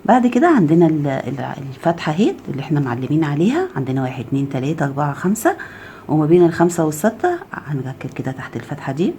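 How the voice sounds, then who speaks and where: This crochet teacher, speaking with an Egyptian Arabic accent, talks very fast in a low, sing-song voice over a slight hiss or hum. She walks through each step, counts stitches out loud, keeps checking "okay?" and softens to a murmur as she works the yarn.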